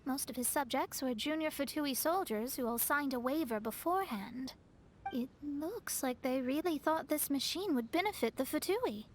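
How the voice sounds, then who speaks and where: An outspoken young adventurer in a video game. She speaks in a high voice, in a direct, brisk way. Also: animated, slight background noise.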